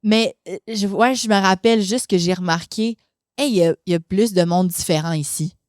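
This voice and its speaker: A young Québécois woman appears as a podcast guest, chatting casually in a darkish, medium-pitched voice at a slightly quick pace. She drops English expressions into her French and laughs often, and the studio audio is clean with no echo.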